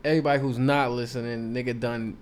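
A man's voice: medium pitch, flat delivery, fast, smooth. A man co-hosting a podcast, talking in a laid-back way with lots of slang. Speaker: podcast co-host. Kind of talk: casual podcast chat.

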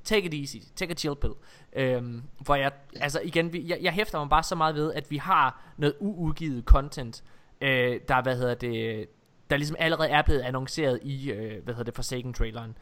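A man's voice: mid-range voice, a bit bright. A man hosting a casual gaming podcast over Skype, talking animatedly with many fillers and restarts. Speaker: podcast host.

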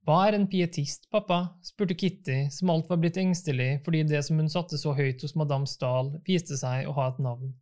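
A man reading a novel aloud as an audiobook narrator, calm and even. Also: a little high, hardly any pauses.

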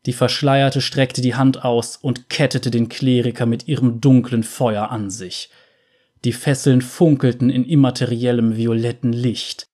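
A man narrating a fantasy story in a calm, measured way. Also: mid-range voice.

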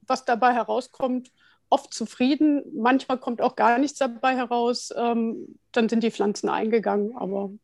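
A woman guest talks through her answers in a relaxed, chatty way, pausing often and laughing lightly. Her voice sits a little high for a woman and is recorded dry and close. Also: gravelly, no room sound. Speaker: guest, head of continuing education at a central bank. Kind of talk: relaxed conversational interview answers.

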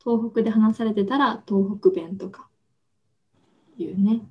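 A woman co-hosting a casual podcast from home, explaining Japanese words slowly and gently with everyday examples. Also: medium pitch, fairly even intonation, lo-fi sound. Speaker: podcast co-host.

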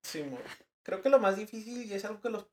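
A young man with a northern Mexican accent, a guest in a casual podcast chat, telling animated stories full of slang and acted-out quotes. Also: sits high, fairly quick. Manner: animated storyteller, slangy, acts out quoted voices. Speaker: guest, advertising designer.

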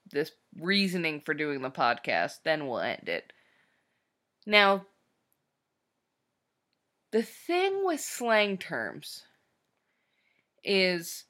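Bright-voiced chatty woman. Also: mid-range voice. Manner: chatty, laughs often, tired and sighing at times. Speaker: podcast co-host. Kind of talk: casual chat.

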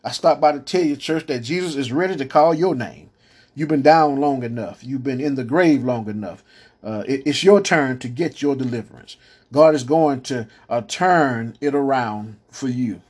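A man's voice: medium pitch, moderate pace, darkish tone, breathy edge. A man preaching a podcast sermon, punctuating lines with amens and stammered restarts, calling out to the church.

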